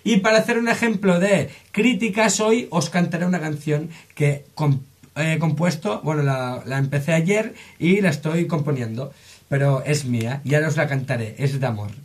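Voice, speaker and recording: A man's voice: fairly high pitch, normal speed, slightly rough. A man with a Spain Spanish accent, explaining ideas in a chatty vlog and often asking rhetorical questions. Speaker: music and psychology video creator.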